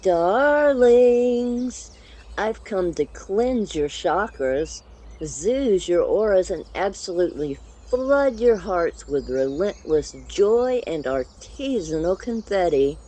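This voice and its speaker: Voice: medium pitch, very animated, mellow, voice pushed up. The narrator voicing a flamboyant, relentlessly cheerful male unicorn in a storybook, gushing theatrically. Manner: gushing, theatrical, drawn-out endearments.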